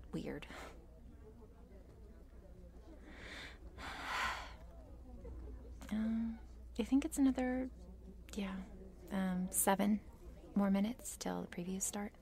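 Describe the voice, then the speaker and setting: A woman voicing a shy, meek cheerleader with a crush in an ASMR role-play, nervous and halting, in a soft breathy voice. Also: medium pitch. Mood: hesitant, relieved. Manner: meek, nervous, halting, self-deprecating and apologetic.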